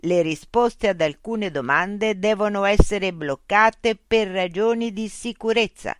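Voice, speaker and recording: An audiobook narrator plays a cold bureaucratic machine information unit, reciting rules in a stiff, officious manner. The voice is medium in pitch, unhurried and smooth, raised above the performer's natural voice yet still close to an everyday sound. It's studio quality with no echo.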